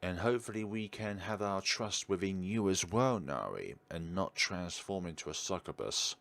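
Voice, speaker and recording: This gaming video host has a deep, creaky, fairly bright voice and an animated delivery at normal speed. Hosting a let's play, he reads out visual novel narration and breaks it up with chatty remarks.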